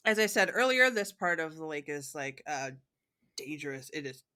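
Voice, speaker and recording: A bright-toned woman from Michigan hosts a podcast, chatting casually with a co-host. She talks freely, laughs often and fills pauses with "um" and "like". Her voice has a clear, forward edge. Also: sits low, very animated. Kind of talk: casual chat.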